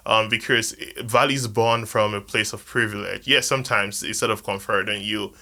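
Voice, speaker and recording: Podcast host, male, emphatic and sincere, gravelly and bright-edged. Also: fairly low pitch, fairly even intonation, normal speed. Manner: earnest and emphatic, repeats key words. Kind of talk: casual podcast conversation.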